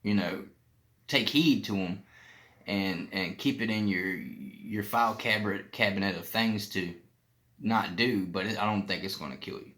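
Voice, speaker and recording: A man's voice: lowish voice, a little slow, sharp tone. A man giving a casual, plain-spoken explanatory vlog, talking with some difficulty through a painfully swollen mouth. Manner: plain-spoken, informal, loosely rambling. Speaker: vlogger sharing personal experience.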